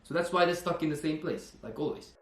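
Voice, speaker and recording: A man's voice: a little high, fast talker, background noise. Man, twenties, earnest fitness vlog, echoey room. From Norway. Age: 20s. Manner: earnest, repeats himself, frequent "you know". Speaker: personal trainer.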